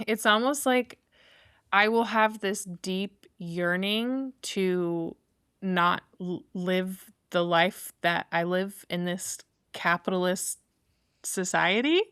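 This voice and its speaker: A woman guest on a podcast, talking haltingly and searching for words as she opens up. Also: medium pitch, fairly bright tone, clean tone, no room sound, studio quality. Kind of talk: casual conversation.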